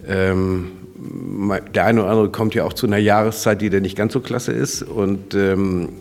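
A man's voice: low-pitched, fairly even intonation, normal speed, gravelly, darkish tone. A man co-hosting a podcast who talks in a thoughtful, rambling way with many hesitations. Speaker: podcast co-host. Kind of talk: casual interview chat. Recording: roomy recording.

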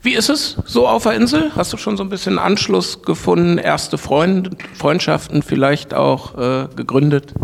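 A man's voice: high voice, normal speed, creaky, hardly any pauses. A man hosting a podcast who chats upbeat and asks his guests questions. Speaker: podcast host. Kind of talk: casual interview chat. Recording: roomy recording with faint noise.

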